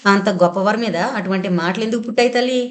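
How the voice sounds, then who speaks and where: A woman's voice: mid-range voice, very fast, natural voice. Woman doing a snide scheming sister-in-law, rude, mocking, audio drama. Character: scheming sharp-tongued young sister-in-law Vimala.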